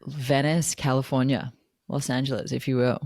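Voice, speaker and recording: A woman's voice: a bass voice, little pitch movement, moderate pace, a little mellow, no room sound. A woman in her mid-thirties co-hosting a podcast, trading dry, teasing banter in casual chat. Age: 30s. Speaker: podcast co-host.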